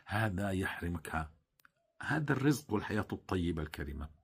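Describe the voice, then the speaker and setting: A man preaching in an earnest, pleading way, sometimes rising to forceful emphasis. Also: low voice, very animated, a little fast, creaky, breathy edge. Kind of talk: religious exhortation.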